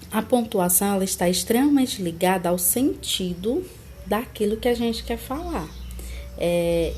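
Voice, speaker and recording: Brazilian woman teaching a slow class. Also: medium pitch, mellow, slight background noise. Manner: explains slowly, repeating examples with tag questions. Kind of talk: recorded online class.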